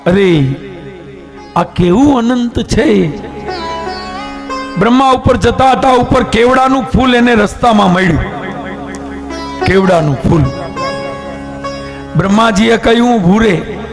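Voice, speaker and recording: Gravelly katha storyteller. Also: male voice, very high voice, a little slow, long pauses, music in the background. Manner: animated, exclamatory storytelling. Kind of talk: devotional scripture discourse.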